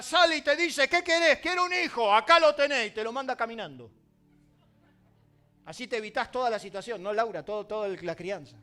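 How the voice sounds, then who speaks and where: A male pastor with an Argentine accent preaching a sermon, swinging from loud emphasis to quiet, confiding asides. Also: very high-pitched. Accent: Argentine Spanish.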